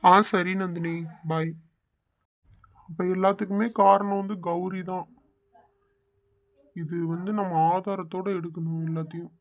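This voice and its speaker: A man voicing Aravind, calm determined young man. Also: sits high, unhurried, long pauses. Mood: steady. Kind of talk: cartoon voice acting.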